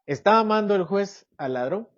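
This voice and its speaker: A man's voice: sits high, animated, normal speed, lo-fi sound. A man teaching a doctrine class at church, asking his listeners questions and acting out everyday examples. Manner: asks the class questions, acts out examples in quoted voices. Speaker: Bible teacher.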